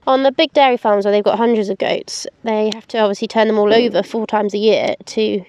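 This English livestock keeper in her twenties casually explains how to trim goat hooves while doing it, practical in manner and full of ums. Her mid-range voice is brisk and darkish, clear and resonant, with fairly even intonation. She's recorded outdoors and inside a large farm barn.

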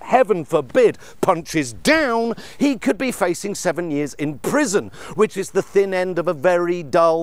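A man's voice: high-pitched, no echo. A man delivering a comedic political rant as a satirical news reporter, exasperated and sarcastic. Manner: exasperated and sarcastic, building to outbursts.

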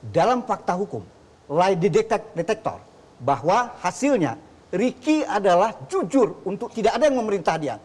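A man's voice: high voice, sing-song, moderate pace, darkish tone, breathy edge. A man, a defense lawyer, arguing insistently in a televised debate and often restarting his sentences. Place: tv studio.

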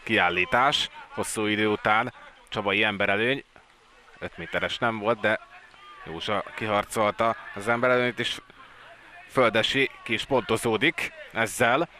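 A man with a lowish voice calls a water polo match live as a sports commentator, his excited delivery rising at the key plays.

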